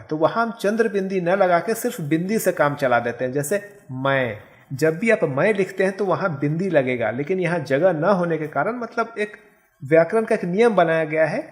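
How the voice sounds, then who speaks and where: A male teacher giving a Hindi grammar lesson, explaining step by step and saying example words slowly and carefully. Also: fairly high pitch. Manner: explains step by step, often checking with "ठीक है". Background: background noise.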